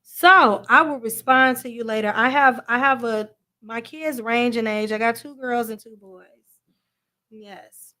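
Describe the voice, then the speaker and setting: A woman's voice: fairly high pitch, a little slow, bright, forceful tone. A woman in her forties co-hosting a livestream from her home, chatting casually, laughing often and repeating phrases for emphasis. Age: 40s. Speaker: livestream co-host. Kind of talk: casual chat.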